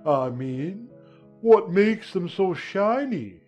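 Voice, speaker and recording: A man's voice: high-pitched, big pitch swings, slow, darkish tone, highs cut off, faint music behind, full character voice. A man voicing a solemn, impatient male Gryphon who bosses others around, in a dramatized audiobook. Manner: blunt, impatient, bossy.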